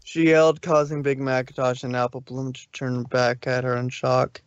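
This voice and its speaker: Reading fan fiction on a live stream, a man narrates plainly and tosses in casual asides. His mid-range voice holds a level tone at normal speed, clean but with the highs cut off.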